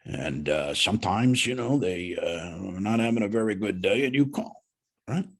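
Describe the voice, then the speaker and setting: A middle-aged man with a husky voice, coaching a student one-on-one on sales calls in a folksy, animated way. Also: lowish voice, normal speed. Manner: animated, folksy, uses analogies.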